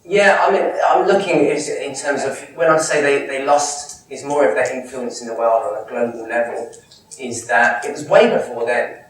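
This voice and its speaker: An Islamic speaker from Kent, England, with a southern English accent, answers questions in a conversational lecture Q&A. He's animated, gestures a lot, and restarts phrases, speaking at normal speed in a medium pitch. A far camera mic picks him up from a distance in an echoey indoor lecture room.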